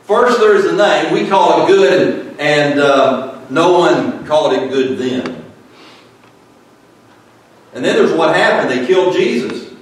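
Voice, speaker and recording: A man preaching a sermon and reading scripture aloud, emphatic and deliberate, with short asides to the congregation. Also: a little high, sing-song. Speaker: pastor. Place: church sanctuary. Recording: echoey hall, mic at a distance.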